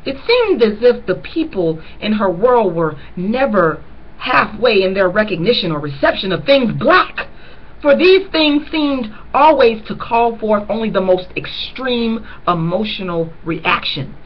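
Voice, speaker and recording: In a sing-song, medium-pitched voice, a woman works through a novel chapter by chapter, and the recording's highs are cut off. She breaks off occasionally to earnestly emphasize important lines to her audience, offering her own commentary alongside the text.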